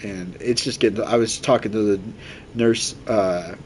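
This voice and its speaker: A man's voice: on the low side, unhurried, a little hiss or hum. A man in his forties chatting casually as a game streamer, rambling and retelling conversations by acting out both sides. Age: 40s. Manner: rambling, animated retelling with quoted dialogue and swearing. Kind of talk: casual chat while playing a video game.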